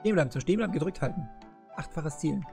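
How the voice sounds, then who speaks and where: A man's voice: fairly high pitch, expressive, rapid-fire, gravelly, darkish tone, faint music behind. A man casually commenting as he starts a video game, musing aloud and chatty. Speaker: let's play host.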